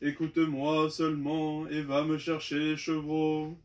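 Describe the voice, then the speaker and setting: A man reading the lines of a scheming mother in a slow, flat liturgical reading. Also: on the high side, natural voice. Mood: earnest. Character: woman, a scheming mother urging her son.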